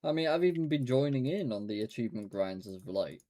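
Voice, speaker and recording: A man's voice: mid-range voice, expressive, fast, dark tone. A man co-hosting a casual gaming podcast, reading out reviews with blunt, sweary, sarcastic asides. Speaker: podcast co-host.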